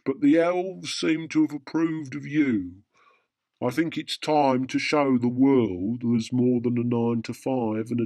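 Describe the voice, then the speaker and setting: A man's voice: medium pitch, darkish tone, no echo, natural voice. A man playing an immortal, philosophical Santa in a radio pantomime, lofty and sly with blokey asides. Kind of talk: radio drama pantomime acting.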